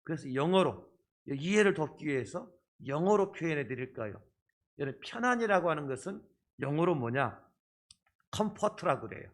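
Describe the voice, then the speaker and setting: A male pastor delivers a sermon with his voice coming through a face mask. It sits a little high for a man. He explains patiently to the congregation, checking in with short rhetorical questions. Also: sing-song, normal speed. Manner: speaking through a face mask, slightly muffled. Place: church service.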